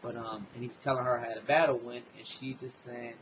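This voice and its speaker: A man's voice: mid-range voice, steady tone, brisk, muffled recording, slight background noise. A man hosting a casual comic book review, retelling the story loosely with lots of fillers and "basically".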